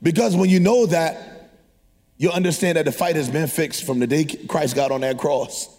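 A man delivers a sermon in a high voice that rings through a large hall with long reverb. He is exhortative yet conversational, addressing his listeners directly and prompting them with questions. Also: moderate pace, darkish tone. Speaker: preacher. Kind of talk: energetic sermon to a congregation. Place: large hall, preaching to a live congregation.

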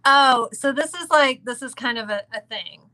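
A woman's voice: high voice, moderate pace, sharp tone, low-quality recording. A woman from the American South, a podcast guest answering questions in a playful, emphatic, opinionated way. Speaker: podcast guest, business owner. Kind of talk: casual interview chat.

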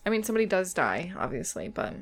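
A woman's voice: on the low side, very animated, fast talker. A woman co-hosting a podcast, telling a true crime story in a loose, chatty way with lots of "like" and casual swearing. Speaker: podcast co-host.

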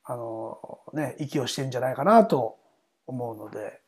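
A man's voice: mid-range voice, animated, normal speed, darkish tone. A middle-aged man hosting a podcast, speaking in a chatty, informal way as interviewer and narrator. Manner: chatty, informal, seeks agreement often. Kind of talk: casual interview chat and programme narration.

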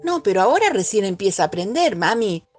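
A woman's voice: big pitch swings, fairly quick, darkish tone, soft background music. A woman voicing a pleading, mischievous little girl with a Rioplatense accent, whiny and insistent. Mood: wheedling. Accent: Rioplatense Spanish. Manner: whiny, insistent, high-pitched.

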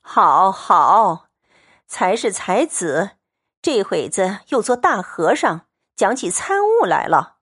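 A woman's voice: mid-range voice, big pitch swings, takes it slowly, fairly bright tone, breathy edge, exaggerated voice. A woman voicing an indignant noble lady of the house who answers with sarcasm. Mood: sarcastic indignant. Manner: offended, sarcastic.

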